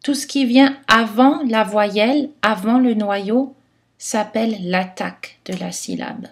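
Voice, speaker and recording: Slow, careful woman teaching phonetics. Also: on the high side. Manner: careful, clearly articulated delivery. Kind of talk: scripted lesson narration.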